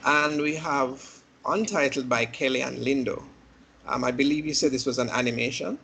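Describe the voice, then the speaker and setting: Man, gravelly voice, casual host, lots of ums, faint background hiss. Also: mid-range voice, normal speed, poor audio. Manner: relaxed, hesitant, many fillers. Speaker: meeting host. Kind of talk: casual meeting announcements. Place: online meeting from home.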